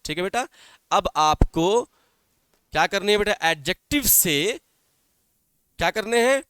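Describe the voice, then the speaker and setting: A man's voice: high voice, lively intonation, unhurried, fairly bright tone, smooth, no echo, clean studio sound. A male teacher giving an online class, explaining in Hindi-Urdu, often repeating points and asking his students questions. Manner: calls students "beta". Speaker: English teacher.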